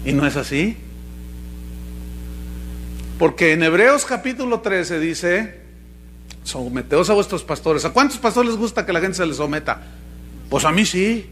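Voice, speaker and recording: Pastor man preaching, high voice, pokes fun, keeps asking the crowd stuff. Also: lively intonation, measured pace, pauses often, sharp tone, a little hiss or hum. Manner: mocking, humorous, asks the congregation questions. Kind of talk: sermon.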